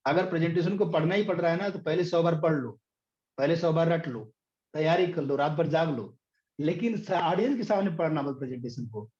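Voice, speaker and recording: Middle-aged coach, slightly high voice. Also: male voice, a little fast, darkish tone. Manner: anecdotal and hesitant, many fillers. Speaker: business coach. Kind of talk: online training session. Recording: dull lo-fi audio.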